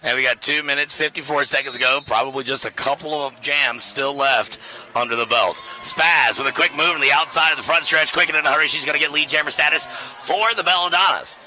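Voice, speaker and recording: A man's voice: fairly high pitch, fairly quick, pushed and bright, rough recording. A man commentating live roller derby from a parked truck at the venue, joking and bantering between plays. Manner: jokey, upbeat banter.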